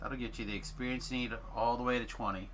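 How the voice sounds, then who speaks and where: A man's voice: mid-range voice, steady tone, fast, a bit bright, slight background noise. A man streaming a video game, chatting casually as he plays. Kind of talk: casual gameplay chat.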